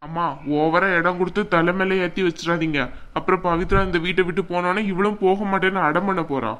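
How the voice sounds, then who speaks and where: A woman's voice: on the low side, steady tone, brisk, fairly bright tone, close to an everyday voice. A woman voicing a scornful, quarrelsome young husband in a cartoon, talking in a taunting way. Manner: taunting, contemptuous. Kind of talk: cartoon voice acting.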